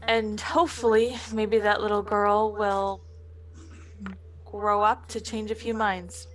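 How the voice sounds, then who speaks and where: Medium-pitched woman playing a tabletop game. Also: little pitch movement, slow pace. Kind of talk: casual role-play chat.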